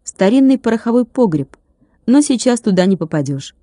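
A woman's voice: a little high, big pitch swings, moderate pace, mellow, no echo, clean studio sound. A woman voicing a practical grown-up woman in an audiobook, speaking in a matter-of-fact way.

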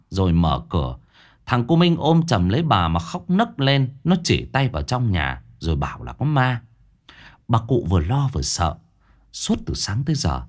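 A man narrating a ghost story in a dramatic, suspenseful way. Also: medium pitch.

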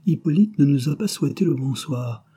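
A man's voice: mid-range voice, lively intonation, brisk, warm tone, breathy edge, pitched above the performer's own voice. A man voicing a mild, jovial middle-aged husband who teases his friend in a read-aloud novel. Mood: amused teasing.

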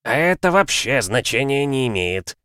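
A man voicing a boastful, loud male dwarf with a blustering, folksy manner. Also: mid-range voice, sing-song, normal speed, clean tone, no echo, studio quality, pitched above the performer's own voice.

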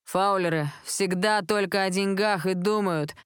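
An arrogant rich teenage boy sneers coolly in an audiobook, as a woman reading puts him on. He speaks low-key and unbothered. The recording is dry and close. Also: steady tone, unhurried, smooth, no room sound, natural voice. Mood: sneering. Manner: sneering, cool. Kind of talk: audiobook character voice.

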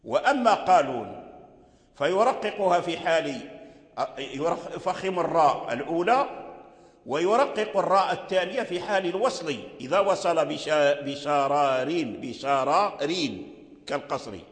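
A man's voice: high-pitched, expressive, normal speed, long reverb tail. A man teaching the rules of Quran recitation, patiently repeating each point several times. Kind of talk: religious lesson explaining recitation rules.

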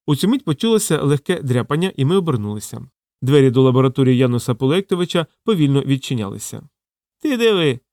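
A man's voice: mid-range voice, expressive, fast, mellow, no room sound. Man reading an audiobook, dry sound. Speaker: narrator. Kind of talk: audiobook narration.

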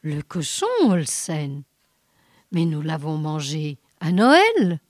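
A woman's voice: deep voice, very animated, slow, a little mellow, no echo, clean studio sound, voice pushed down, heavily acted. Woman doing a cheeky old hunter. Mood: stubborn. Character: cheerful male hunter, cheeky and stubborn.

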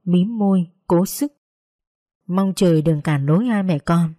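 Warm-voiced woman narrating a sad story. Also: fairly low pitch, measured pace, dry recording, studio quality. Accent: Northern Vietnamese.

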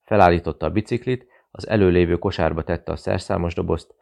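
A man reading a thriller audiobook in a measured, even narration. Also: deep voice, gravelly. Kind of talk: scripted narration.

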